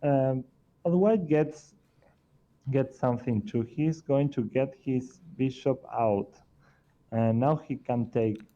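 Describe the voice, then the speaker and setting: A man coaching a chess student over a video call. He talks in a relaxed way, chuckling between points, while his microphone crackles and cuts out. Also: mid-range voice, slow pace. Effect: crackling mic that cuts out. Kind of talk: online private chess lesson. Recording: dull lo-fi call audio with crackle.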